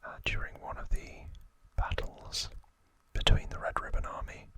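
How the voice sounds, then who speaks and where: Speaking in a gentle, breathy whisper, a man hosting an ASMR video shares trivia in a casual way. He takes his time, leaving pauses after each short phrase.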